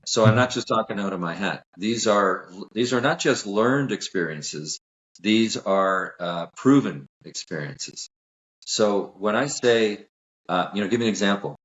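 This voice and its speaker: A man's voice: lowish voice, animated, measured pace, fairly bright tone, reverberant, highs cut off. A man who works as a sales coach, speaking as a guest on a podcast interview in an emphatic, self-assured, lecturing way.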